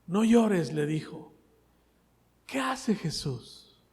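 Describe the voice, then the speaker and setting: A man preaching a sermon, asking the congregation questions and swinging between loud and soft. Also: sits high, sing-song, drawn-out words, long reverb tail. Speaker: pastor.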